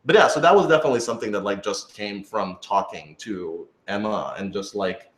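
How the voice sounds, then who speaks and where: A man with a fairly low voice talks briskly and casually on a question-and-answer panel as the writer of an audio drama, rambling as he thinks aloud. The room sound is spacious and echoey.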